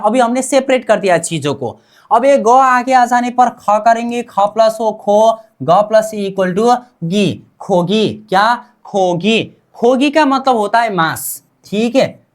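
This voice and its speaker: A woman teaching a language class, repeating sounds and asking and answering her own questions. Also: mid-range voice. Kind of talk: classroom-style language lesson.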